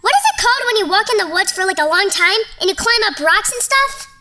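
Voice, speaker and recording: A woman voicing an excitable little cartoon creature who tells stories in a bouncy way. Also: very high voice, quick pace. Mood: excited. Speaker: puppet character performer.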